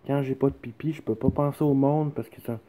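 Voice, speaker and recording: Insistent dark-voiced Quebec man. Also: medium pitch, fairly even intonation, brisk. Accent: Quebec French. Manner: insistent, rambling, keeps checking he is understood. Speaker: son speaking to his mother. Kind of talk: emotional personal plea.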